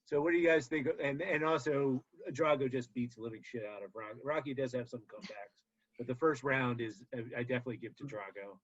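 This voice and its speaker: A man's voice: mid-range voice, steady tone, a little fast. Rambling male podcast host, dull audio. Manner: rambling, many fillers and restarts. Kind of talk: casual movie rewatch podcast chat.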